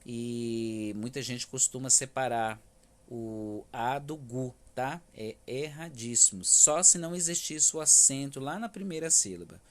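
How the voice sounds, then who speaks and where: A man's voice: mid-range voice, measured pace. Patient male teacher with Brazilian accent. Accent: Brazilian Portuguese, Federal District. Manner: patient, stresses words syllable by syllable, frequent "tá?" checks. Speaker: primary school teacher. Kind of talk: remote class explanation.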